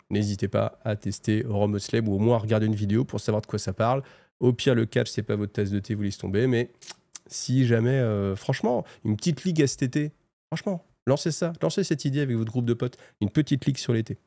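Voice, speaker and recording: A man's voice: mid-range voice, gravelly, dark tone, no room sound. A middle-aged man with a French accent, hosting a casual, joking roundup of new tabletop game releases, full of fillers and restarts. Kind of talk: casual, animated product roundup.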